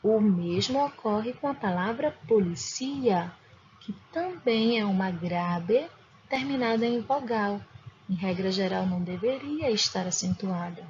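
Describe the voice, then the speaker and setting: A woman from Brazil, a Spanish teacher, giving a recorded grammar lesson with slow, careful explanations and examples. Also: medium pitch, expressive, darkish tone. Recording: dull lo-fi recording with faint noise.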